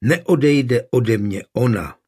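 A man voicing an irritable, defensive husband who talks gruffly. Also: medium pitch, expressive, warm tone.

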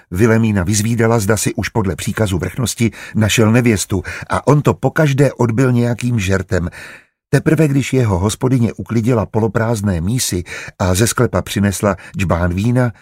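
A man narrating an audiobook in steady, even storytelling. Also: fairly low pitch, slightly rough, no room sound, clean studio sound. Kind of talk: scripted narration.

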